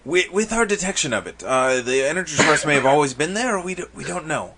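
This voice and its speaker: A man running a tabletop role-playing game as game master, speaking haltingly with many fillers and restarts. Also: on the high side, big pitch swings, bright, forceful tone, breathy edge.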